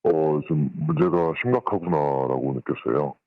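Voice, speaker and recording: Pitch-shifted disguised deep voice over a phone. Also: dry recording. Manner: measured, explanatory, with hesitant fillers. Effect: voice deepened by pitch-shifting disguise. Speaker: anonymous former employee interviewed by phone. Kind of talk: interview answers. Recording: tinny phone line.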